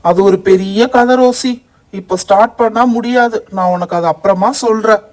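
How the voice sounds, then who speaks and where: A woman's voice: mid-range voice, normal speed, a little mellow, lightly acted. A woman voicing a bossy young boy in a doll-play story, scolding and exasperated with his friends. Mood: calm.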